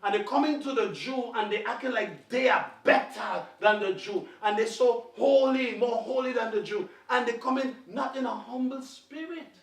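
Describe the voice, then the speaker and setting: A man preaching a fervent sermon to a congregation, swinging between quiet talk and shouting. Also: extremely high pitch, moderate pace, few pauses. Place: congregation hall. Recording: echoey hall, distant mic.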